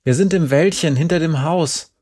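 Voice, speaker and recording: A man's voice: a little high, normal speed, slightly rough, pitched above the performer's own voice. A man reading the lines of a tough, brash teenage girl who talks bluntly and bossily. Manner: blunt, loud, bossy.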